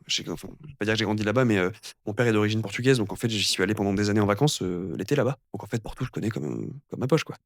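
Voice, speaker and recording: A young man speaks as a guest on a casual podcast, rambling and circling back with plenty of fillers. His voice sits a little low and he talks at a quick clip. The recording is close and dry. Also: expressive, no room sound. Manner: rambling, many fillers and restarts. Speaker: guest, physiotherapist and amateur triathlete.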